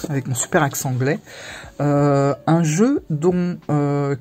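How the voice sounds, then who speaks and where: In a casual video, a woman talks about her tarot decks to the camera, stopping and restarting herself with many pauses. She has a low-pitched, slightly mellow voice.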